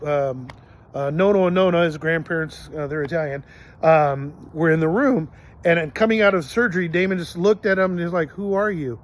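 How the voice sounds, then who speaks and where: A middle-aged man hosting a podcast, telling personal stories in an earnest, rambling way with many fillers and restarts. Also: high-pitched. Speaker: podcast host. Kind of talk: casual storytelling monologue.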